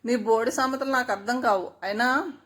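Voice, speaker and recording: A woman's voice: fairly high pitch, moderate pace, a bit bright. A woman voicing a proud, fearless, irritable young woman who answers curtly and snappishly. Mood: irritated. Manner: snappish, curt.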